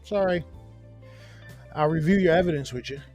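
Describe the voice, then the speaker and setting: A man telling a story in a casual chat, animated and profane, breaking into high yelps as he acts out being scared. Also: normal speed, soft background music. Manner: animated, profane, jumps to loud high yelps when acting out his fright. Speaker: podcast host.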